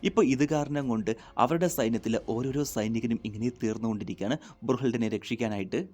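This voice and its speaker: A man with a Malayali accent retelling the events of a TV episode in a casual spoken way, briefly slowing down to quote the characters. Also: mid-range voice, darkish tone. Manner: retells events in plain spoken style, quoting characters in a slower voice. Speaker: recap narrator.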